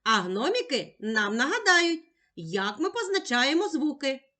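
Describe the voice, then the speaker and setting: A woman teacher giving a slow, carefully spoken lesson to a child, gently addressing the child and sounding out words and letters one by one. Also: sits high, very animated.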